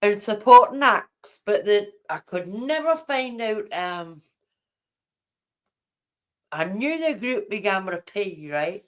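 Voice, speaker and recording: Woman, middle-aged, unhurried, chatty livestream talk, rambling. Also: mid-range voice, lively intonation. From Newcastle, England. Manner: rambling, chatty, answers viewers' comments aloud. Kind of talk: casual chat.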